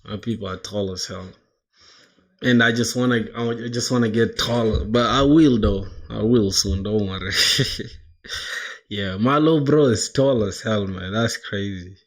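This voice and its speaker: A man's voice: lowish voice, a little slow. A man in his twenties from South Sudan, chatting casually on a coding live stream, dropping "bro" into nearly every line and reading chat aloud. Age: 20s. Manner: slangy, says "bro" constantly, laughs, reads chat aloud. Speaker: livestreamer coding toward a job.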